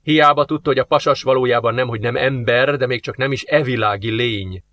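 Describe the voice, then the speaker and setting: A man narrating a science-fiction novel as an audiobook reader, in measured storytelling. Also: medium pitch, fairly bright tone, dry recording, muffled recording. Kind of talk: scripted narration.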